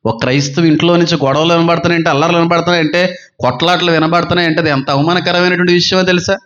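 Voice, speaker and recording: A male pastor with a high voice delivers a sermon, driving his points home with strings of repeated rhetorical questions. The recording sounds dull and lo-fi. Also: steady tone, racing, fairly bright tone.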